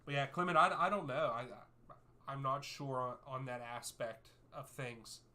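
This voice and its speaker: Guy in his 30s streaming a soccer watchalong, bright forceful voice, laid back, reads chat out. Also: mid-range voice, moderate pace, a little hiss or hum. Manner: easygoing, reads out chat names and answers at length. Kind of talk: live-stream chat, answering viewer questions.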